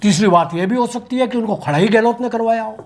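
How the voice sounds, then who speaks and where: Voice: medium pitch, quick pace, darkish tone. A local news commentator reading an opinionated political commentary from a script, with vivid turns of phrase.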